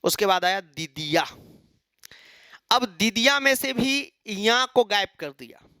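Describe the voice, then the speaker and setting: A man's voice: high voice, animated, takes it slowly, sharp tone, smooth, no echo. A man teaching an exam-prep lecture, asking and answering his own questions and mimicking students.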